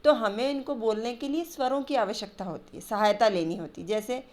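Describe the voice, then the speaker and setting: A woman's voice: fairly high pitch, fairly quick, darkish tone. A woman teaching a grammar lesson to children, patiently spelling out letters and sounds one by one over slides.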